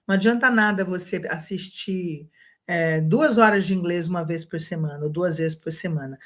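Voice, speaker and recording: A Brazilian woman teaching an online English lesson, chatty and encouraging, checking in with her students again and again. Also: on the low side. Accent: Brazilian Portuguese.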